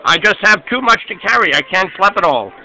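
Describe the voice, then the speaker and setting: A man's voice: sits high, animated, a little fast, bright, forceful tone, faint music behind, heavily acted, rough recording. A man voicing a young boy who schleps loads of stuff and gets exasperated, in a storybook reading. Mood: pleading. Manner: fussy, exasperated. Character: young boy who hauls lots of stuff, easily annoyed.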